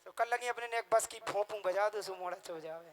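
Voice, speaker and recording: Male comic storyteller, high-pitched and animated, rustic delivery. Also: a little fast. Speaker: comedian.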